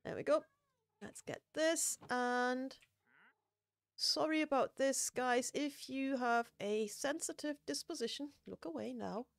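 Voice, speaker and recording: A woman's voice: high-pitched, slow, creaky, no room sound. A woman streaming a building game, chatting casually, laughing often and poking fun at herself. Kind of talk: casual gameplay chat.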